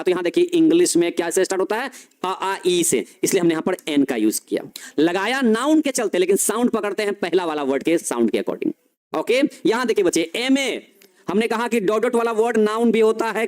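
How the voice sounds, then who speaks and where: A man's voice: high-pitched, darkish tone. A young man teaching a live online grammar class, explaining step by step and asking his students questions.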